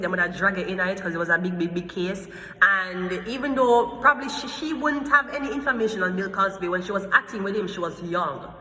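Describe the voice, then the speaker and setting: Speaking in an echoey room with a long reverb tail and poor audio, this Jamaican vlogger delivers a casual, blunt rant to camera at medium pitch. She swears freely and brings her story to life by mimicking back-and-forth exchanges.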